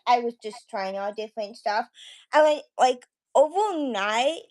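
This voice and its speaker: A woman with a high voice talks casually on a livestream. She rambles through her anecdotes, quoting remembered exchanges as she goes. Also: expressive, measured pace, a little mellow. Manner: rambling, quotes conversations with frequent "like". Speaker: guest, YouTube creator.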